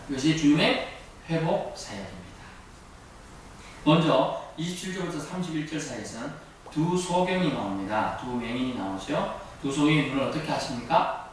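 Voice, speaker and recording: A middle-aged male pastor preaching a sermon, often asking the congregation questions and answering them himself. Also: on the high side. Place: church sanctuary. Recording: echoey church hall, distant mic, faint noise.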